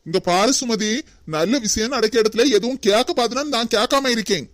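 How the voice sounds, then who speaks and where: A woman's voice: a little high, brisk, dry recording, studio quality, lightly acted. A woman with a Kanyakumari Tamil accent voicing a proud older brother in a cartoon, scolding his sister indignantly.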